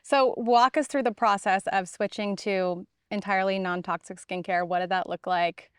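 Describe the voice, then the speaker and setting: A woman hosting a podcast, asking her guests questions in a relaxed conversational way. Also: mid-range voice, moderate pace, clear, resonant tone, no room sound, studio quality. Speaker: podcast host. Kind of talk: casual interview. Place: farm, recorded on location.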